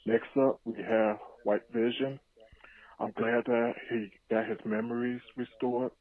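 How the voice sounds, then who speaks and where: A man's voice: mid-range voice, flat delivery, measured pace. A man leaving a casual, laid-back voicemail for a podcast, giving hyped reactions to a show. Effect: played voicemail over phone line. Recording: tinny, dry phone-line voicemail.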